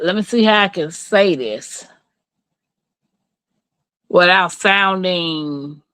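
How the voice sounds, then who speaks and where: A middle-aged woman from rural Mississippi hosts a livestream, chatting candidly and casually with viewers in a folksy manner. Her mid-range voice carries a Southern US accent, and there's no echo.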